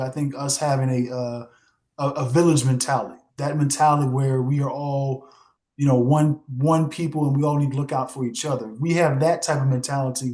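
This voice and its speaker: A man's voice: mid-range voice, mellow. A young man, a guest author, talking earnestly in a casual podcast conversation, leaning on many fillers and restarts. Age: young adult.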